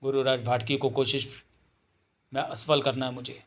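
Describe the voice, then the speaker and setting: A man's voice: mid-range voice, flat delivery, moderate pace, close to an everyday voice. A man voicing a fierce, proud wolf-man warrior who speaks sternly and defiantly. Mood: urgent.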